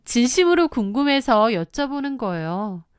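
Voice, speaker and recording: A woman's voice: a little high, sing-song, moderate pace, smooth, no echo, clean studio sound. A woman narrating her own story in the first person, confiding and matter-of-fact.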